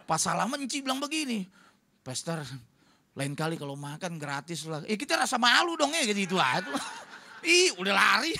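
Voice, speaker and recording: Lively, bright-voiced joking pastor. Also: male voice, high voice. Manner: storytelling, jokey, acts out quotes. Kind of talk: humorous sermon. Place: church hall.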